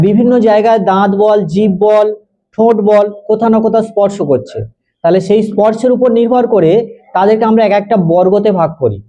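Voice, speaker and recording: A male tutor giving a grammar lesson to students, explaining step by step, repeating key terms, checking understanding and slowing down to dictate definitions. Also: high-pitched, muffled recording.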